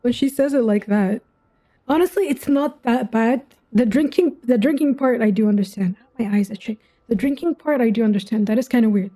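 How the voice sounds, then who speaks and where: A gaming content creator plays a game while offering casual reaction commentary, musing aloud informally. Her voice is a little high, brisk, and mellow.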